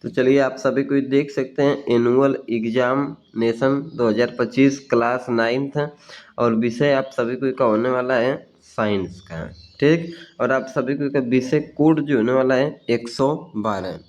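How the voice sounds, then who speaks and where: A man tutoring students, briskly reading out exam questions and their answers one after another. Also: medium pitch, a little mellow. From Bihar, India. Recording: dull lo-fi sound.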